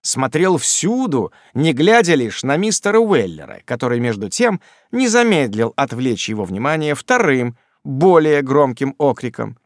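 A male audiobook narrator reads a classic novel with a lively, expressive voice that moves around a lot in pitch. The recording is dry and close, with no room sound. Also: dry recording. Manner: expressive, measured storytelling. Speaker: audiobook reader.

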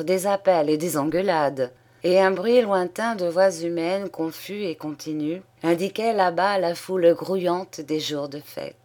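A woman reading a classic short story aloud, measured and unhurried. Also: on the low side, a little mellow. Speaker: audiobook reader. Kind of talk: literary narration.

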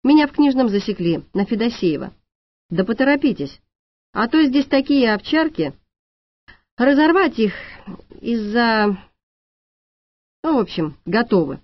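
Brash young thief girl, high and loud, sneering, read by a woman, dry dull audiobook. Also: sing-song, a little slow, long pauses, dry recording. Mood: taunting. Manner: shrill, taunting, crude insults. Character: brash young female thief, rude and mocking.

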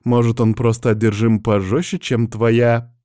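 A man's voice: mid-range voice, level tone, measured pace, mellow, no room sound, studio quality, close to an everyday voice. A man voicing a demon in a young woman's body, sly and taunting.

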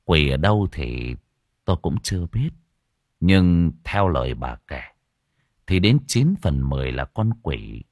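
A man's voice: a bass voice, very animated, measured pace, a little mellow, no room sound, clean studio sound, pitched below the performer's own voice, heavily acted. A man voicing an old Buddhist monk who gives grave, urgent warnings about a demon.

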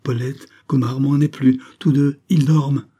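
A man's voice: medium pitch, level tone, measured pace, dark tone, breathy edge, voice pushed up. A man voicing a grieving young mother who insists with anguish.

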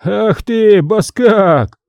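A desperate one-eyed peasant, pleading and bitter, his voice pitched up and strained, as a man acts him out. The tone stays dark and mellow, with wide swings in pitch, and the recording is dry and close, as in an audiobook. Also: animated, normal speed, dry recording, dull audio. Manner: pleading, trembling, bitter shouting.

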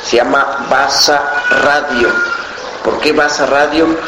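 A man from the mountains of Guerrero, Mexico, with a Mexican accent and Mixtec as his first language, answering interview questions for a community radio station in an earnest, unhurried way. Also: mid-range voice, fairly even intonation. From Guerrero mountain region, Mexico. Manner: earnest, unhurried, often checking with "¿no?". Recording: roomy with background noise.

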